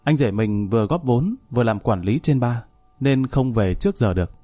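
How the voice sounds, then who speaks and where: A man's voice: mid-range voice, animated, normal speed, dark tone, dry recording. Wry man narrating a story. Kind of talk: first-person story narration. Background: faint music.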